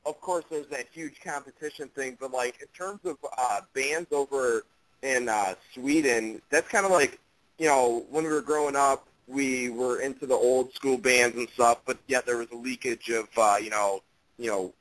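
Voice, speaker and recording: A man's voice: medium pitch, normal speed, fairly bright tone, dry recording, low-quality recording. A man speaking as a band member guest in a casual radio interview, laid-back and full of fillers.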